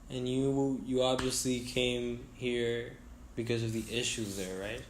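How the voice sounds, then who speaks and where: A man conducts an interview, asking short probing questions and offering words to help his guest along. His voice is mid-pitched, and the room around him rings noticeably. A faint background hiss sits under the talk. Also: level tone, a little slow. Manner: probing, rephrases and prompts answers. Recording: echoey room.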